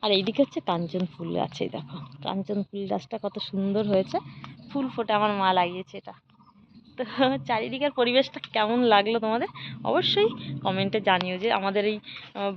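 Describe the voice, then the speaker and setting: A woman vlogging casually around her home and garden, talking softly and unhurriedly to her viewers. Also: lo-fi sound, a little hiss or hum. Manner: soft, unhurried narration, louder and higher when coaxing a child.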